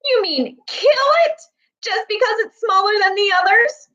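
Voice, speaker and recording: A woman's voice: normal speed, fairly bright tone, muffled recording. A woman voicing a distraught, stubborn eight-year-old farm girl in a storybook, pleading and protesting. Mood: shocked, shrieking. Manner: shrieking, sobbing protest, swooping up high.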